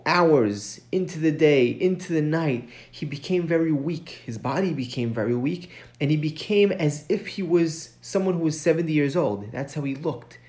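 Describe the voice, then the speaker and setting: A man's voice: a little high, a little mellow. A man teaching a recorded study lesson, explaining a text step by step, often checking in with "right?" and stressing key points with his voice rising. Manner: chants source text quickly. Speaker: Mishnah teacher.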